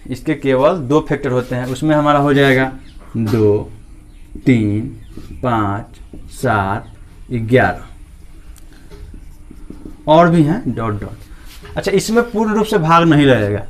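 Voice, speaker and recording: A man's voice: on the high side, expressive, brisk. A man teaching a maths class, often asking his students questions and answering them himself, and repeating key points.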